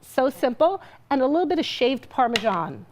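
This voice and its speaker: Bubbly high-voiced woman cooking on TV. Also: very animated, moderate pace, slight background noise. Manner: bubbly, chatty, laughs often. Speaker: guest cook. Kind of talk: TV cooking segment. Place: TV studio kitchen.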